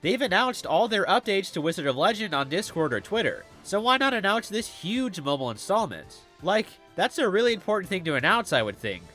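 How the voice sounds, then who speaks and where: A man's voice: high-pitched, big pitch swings, fairly quick, few pauses, pushed and bright, faint music behind. A man with a cold giving scripted video game commentary in a stuffy, nasal voice, as if pinching his nose.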